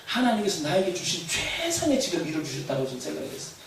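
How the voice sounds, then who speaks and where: A man preaching a sermon as pastor, animated, shouting refrains and laughing as he tells stories. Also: sits high, fast. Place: church hall. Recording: echoey hall, far from mic, faint noise.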